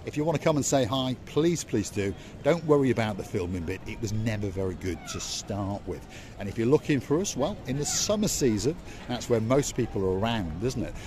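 A man's voice: mid-range voice, a little mellow. A middle-aged man co-hosting a vlog, giving jokey, showman-like walking-tour commentary on an outdoor harbour promenade at night, recorded on a phone held at arm's length. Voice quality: chatty, teasing, showman-like. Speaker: vlog co-host and tour guide. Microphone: phone camera at arm's length. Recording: busy crowd chatter around.

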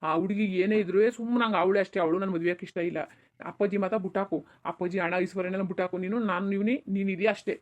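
A headstrong young son in a village cartoon, voiced by a woman, arguing back hard. He speaks very fast, in a mid-pitched voice. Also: fairly even intonation, highs cut off, lightly acted. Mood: soothing. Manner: argumentative, insistent. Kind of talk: cartoon dubbing.

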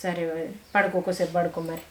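A woman's voice: on the low side, flat delivery, fast talker, reverberant, close to an everyday voice. A young woman with a Telangana Telugu accent playing a protective sister-in-law in a village drama, talking in a consoling, coaxing way. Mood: gentle. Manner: consoling, coaxing, with many questions. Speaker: actor in a village short film.

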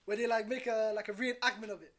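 Young guy, podcast co-host, rapid slangy banter, repeats lines. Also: high voice. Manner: animated, repeats himself, slangy. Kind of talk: casual chat.

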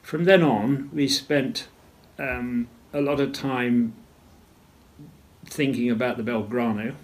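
An older man recalls events at a measured storytelling pace in an interview, often clearing his throat. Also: mid-range voice, fairly even intonation. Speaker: retired naval officer interviewee. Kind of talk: interview recollection.

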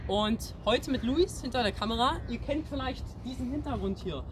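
A man's voice: extremely high pitch, normal speed. A teenage young man hosting a casual taste-test vlog, talking in a chatty, hesitant way outdoors toward a camera a few steps away. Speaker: video host reviewing snacks. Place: outdoors by a brick wall. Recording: outdoor camera audio with clear background noise.

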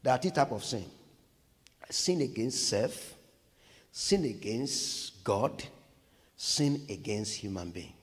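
Nigerian preacher with wide-swinging delivery. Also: male voice, mid-range voice, big pitch swings, slow pace, long pauses, in a large hall. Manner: call-and-response, swings from hushed to shouting. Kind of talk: sermon.

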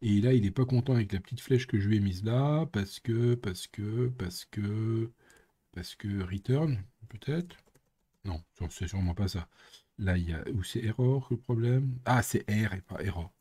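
A man's voice: fairly low pitch, measured pace, mellow. A man streaming live coding, thinking aloud and muttering with playful sound effects. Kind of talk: casual live coding commentary.

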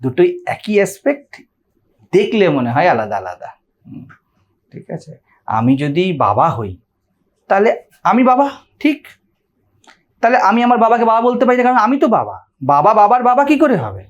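A man's voice: high-pitched, wildly swooping pitch, normal speed, long pauses, muffled recording. A man, a spiritual teacher, giving a conversational sermon on scripture and often asking his listeners questions.

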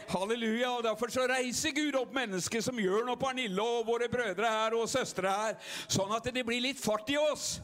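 Fervent Norwegian preacher man, high voice. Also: hardly any pauses. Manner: fervent, shouts hallelujah, then drops to a calmer Bible reading. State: gets excited and loud. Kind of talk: sermon.

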